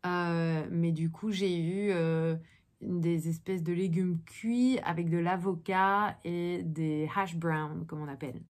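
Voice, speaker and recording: A woman's voice: on the low side, fairly even intonation, slow pace, a little mellow. A woman with a Belgian French accent, an actress chatting casually through a day-in-the-life vlog in a loose, rambling way. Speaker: actress and vlogger.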